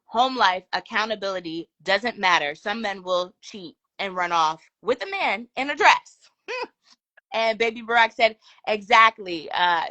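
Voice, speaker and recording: A woman hosting a casual live stream, reading viewer comments aloud with laughs and quick asides. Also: medium pitch, pushed and bright, dry recording.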